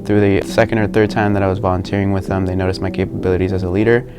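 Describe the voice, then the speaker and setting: A man's voice: low-pitched, little pitch movement, rapid-fire, music in the background. A young man, a community leader, talking casually with fillers and hesitations about his volunteer work. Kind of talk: interview-style testimonial.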